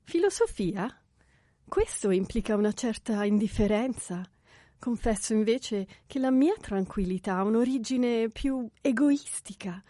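A man reading an audiobook, voicing a composed young English governess who speaks in a measured, coolly ironic way. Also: high-pitched, expressive, dark tone, dry recording, studio quality, pitched above the performer's own voice. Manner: measured, cool, slightly ironic. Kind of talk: audiobook character voice.

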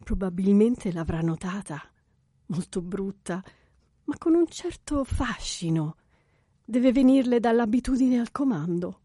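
A man's voice: high voice, no echo, clean studio sound, pitched above the performer's own voice. A man doing a cool, composed young governess. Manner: calm, measured, slightly ironic.

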